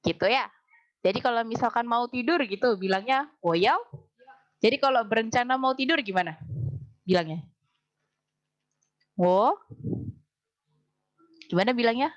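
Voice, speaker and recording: A woman teaching a language class. She explains things patiently, slows right down to drill phrases, and keeps quizzing her students. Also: on the high side, highs cut off. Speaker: Mandarin teacher.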